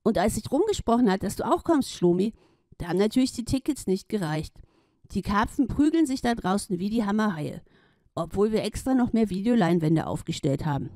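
A woman's voice: medium pitch, very animated, fairly quick, warm tone, no echo, studio quality, lightly acted. A woman voicing a friendly, chatty male carp who drives a limousine. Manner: chatty, explanatory.

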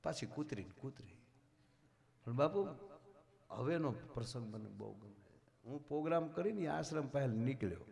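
A man from Gujarat tells folk stories at a live village show, mixing jokes with preaching. His voice is of middle pitch and often climbs loud for emphasis. He speaks into a stage microphone. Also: lively intonation, moderate pace, creaky, pauses often. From Gujarat, India. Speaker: folk storyteller. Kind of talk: live folk storytelling with humor.

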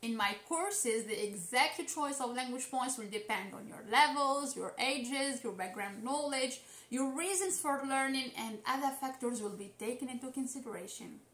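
High-voiced woman teacher, earnest and upbeat. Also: normal speed, hardly any pauses, a bit bright, echoey room. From Tunisia. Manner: earnest, motivational, emphatic. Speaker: English teacher. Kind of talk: scripted self-introduction to camera. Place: indoor room, seated in office chair.

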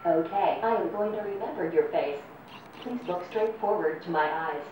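A synthetic female text-to-speech voice of a service robot, speaking in a flat, formal, evenly paced way. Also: lowish voice, normal speed, recorded from a distance. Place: indoor robot test arena. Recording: echoey room, heard from afar, noisy.

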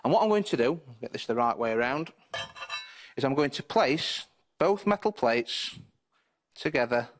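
A man's voice: mid-range voice, lively intonation, moderate pace, long pauses, slight background noise. A British man in his thirties giving an instructive, reassuring live home shopping demonstration, step by step. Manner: instructive, reassuring, repeats set phrases. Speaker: product demonstrator on a shopping channel. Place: television studio, indoors, moving about while demonstrating.

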